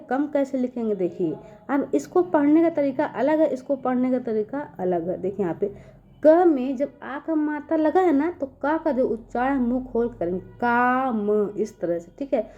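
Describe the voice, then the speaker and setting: A woman teaches children spelling in a fairly high, mellow voice. She is patient and repetitive and keeps checking that they have understood. The recording sounds dull and lo-fi. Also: lively intonation, moderate pace.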